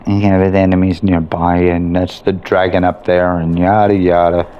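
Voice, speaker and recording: Playing through a video game, a man who hosts and reviews gaming videos rambles casually and chattily in a low voice with a flat delivery at normal speed. The recording is muffled, with faint game sounds and video game ambience behind him.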